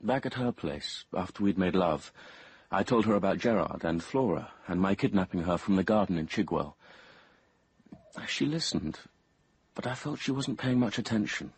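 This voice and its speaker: An animated male actor with a low, slightly rough voice gives a full character performance at a moderate pace, narrating in the first person as an earnest, infatuated and uneasy young British man. His hesitant, introspective confession sounds brooding and reflective, and the recording is dry.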